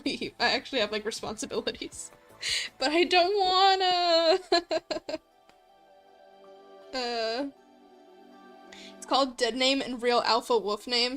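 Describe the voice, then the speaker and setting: Soft background music accompanies a woman livestreamer who talks to her audience in a relaxed, chatty way. Her voice is high and bright, and her delivery is full of giggles, gushing, and slang.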